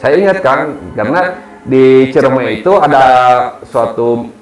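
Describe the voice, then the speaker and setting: Animated man telling a story. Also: medium pitch, unhurried, a little hiss or hum. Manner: lively storyteller, acts out quoted people. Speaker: guest storyteller. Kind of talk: casual spoken ghost story. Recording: roomy echo with music behind.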